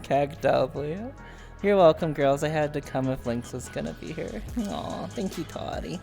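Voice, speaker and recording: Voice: mid-range voice, measured pace, vocal fry, a little mellow, faint music behind. A podcast host in casual interview chat on a stream, chatty, joking and rambling.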